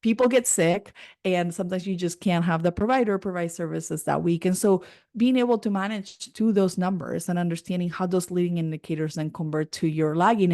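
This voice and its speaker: A woman speaking as a finance consultant guest on a podcast, measured and businesslike, laughing lightly now and then. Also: fairly low pitch, a little mellow, dry recording, clean studio sound. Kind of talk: podcast interview answers.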